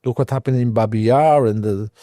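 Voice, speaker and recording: An older man with an Israeli accent, a Hebrew speaker being interviewed in English, talking in halting phrases with many restarts. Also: medium pitch, warm tone, no echo, clean studio sound. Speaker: guest, former intelligence officer. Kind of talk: podcast interview.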